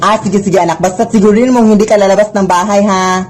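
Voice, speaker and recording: A man's voice: high-pitched, steady tone, fast, close to an everyday voice. A man with a Filipino accent playing a bossy, easygoing mother in a comedy skit, repeating herself and nagging. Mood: permissive. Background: music.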